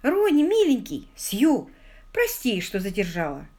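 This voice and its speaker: A woman's voice: on the high side, wildly swooping pitch, unhurried, darkish tone, exaggerated voice. A woman voicing a cheerful young actress who talks in a bubbly, coaxing way.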